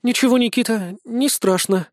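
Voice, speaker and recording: A man's voice: very high voice, normal speed, darkish tone, dry recording, clean studio sound, voice pushed up. A man voicing a cautious young woman who asks careful, hesitant questions in an audiobook. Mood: wary.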